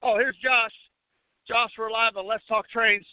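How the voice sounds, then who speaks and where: A man hosting a casual live call-in show while roving outdoors at an event, talking with many fillers and restarts, coughing and clearing his throat now and then. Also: high-pitched, steady tone, unhurried. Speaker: host. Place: outdoors at a railway depot event. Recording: tinny phone line, dry.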